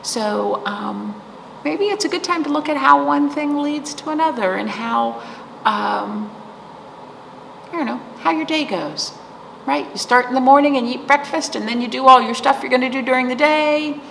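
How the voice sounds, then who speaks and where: A middle-aged woman with a high voice and vocal fry speaks at a moderate pace as she hosts virtual storytime, a children's librarian reading aloud and sharing rhymes. She explains things simply and checks in with the young listeners through questions. She's seated in a small library room, and the recording is echoey and noisy.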